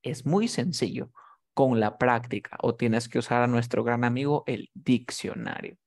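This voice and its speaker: A man's voice: mid-range voice, steady tone, a little slow, creaky, darkish tone. A man teaching a one-on-one pronunciation lesson, patiently demonstrating sounds and coaxing his student. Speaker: English teacher.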